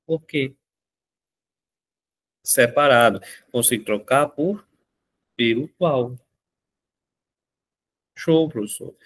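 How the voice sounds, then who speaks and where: A male teacher walks through a grammar lesson. He talks in a lively, coaxing way and repeats each rule to make it stick, his voice sitting at a middle pitch. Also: slow, pauses often. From Northeast Brazil. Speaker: Portuguese teacher.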